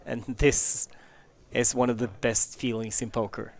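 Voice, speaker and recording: A man's voice: mid-range voice, flat delivery, unhurried, gravelly. A man giving play-by-play commentary on a live poker tournament.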